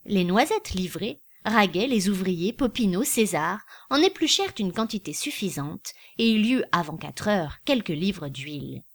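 A woman narrating a classic novel aloud in a measured, expressive reading. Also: mid-range voice. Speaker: audiobook reader. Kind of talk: literary audiobook narration.

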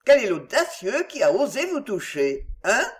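A tall foppish English nobleman with a languid, yawning drawl, acted out by a woman. His lines lift and fall with lively pitch as he teases. It is an audiobook reading. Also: moderate pace, natural voice. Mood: mocking.

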